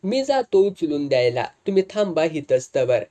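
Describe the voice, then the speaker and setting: A cheeky young village guy, read by the storyteller, teasing and easygoing, relaxed mellow tone, rural lilt in a spoken storybook. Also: fairly high pitch, normal speed.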